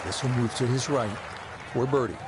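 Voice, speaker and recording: A man calling golf play-by-play as a broadcast commentator, in a measured, informative way. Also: medium pitch, fairly even intonation, heavy background noise, close to an everyday voice. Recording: music and crowd behind voice. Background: music and outdoor crowd ambience.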